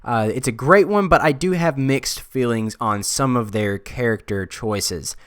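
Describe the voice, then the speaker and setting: Young man, smooth clear tone, dry close sound, relaxed, lots of uhs. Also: medium pitch, a little slow, no room sound. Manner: relaxed, thinking aloud with frequent uhs. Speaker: design video creator. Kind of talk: casual screen-recorded tutorial talk.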